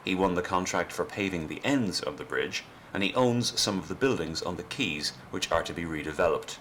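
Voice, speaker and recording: Male narrator, low register, scripted documentary read over clear background noise. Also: expressive, a little fast, a bit bright.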